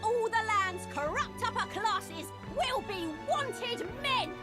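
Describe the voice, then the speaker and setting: High-voiced, stiltedly theatrical revolutionary firebrand. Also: female voice, animated, takes it slowly, music in the background, exaggerated voice. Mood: defiant. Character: fiery revolutionary woman rallying against the rich. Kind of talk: video game voice acting, public speech.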